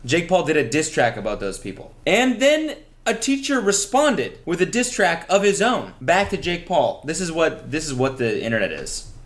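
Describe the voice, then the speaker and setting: Young male host with a swinging, animated pitch, sarcastic and profane in casual comedic banter. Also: moderate pace. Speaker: podcast host.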